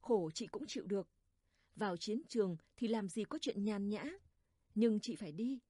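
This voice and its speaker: A woman's voice: mid-range voice, normal speed, warm tone, no room sound, clean studio sound, close to an everyday voice. A woman voicing a dutiful young village daughter who speaks earnestly and with resolve in a storybook reading. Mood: resolute.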